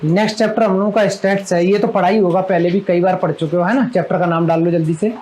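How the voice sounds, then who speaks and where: A man with a notably high voice teaches maths to a live class. He talks in a chatty, fondly scolding way and keeps tossing questions at his students. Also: fairly even intonation, fast talker, darkish tone, a little hiss or hum, rough recording.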